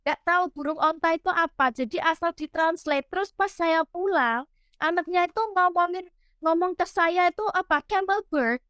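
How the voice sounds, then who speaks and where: High-voiced woman coach, chatty. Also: moderate pace, a bit bright, no echo, studio quality. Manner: conversational, explains and prompts the guest. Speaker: host, parenting coach. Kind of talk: casual chat.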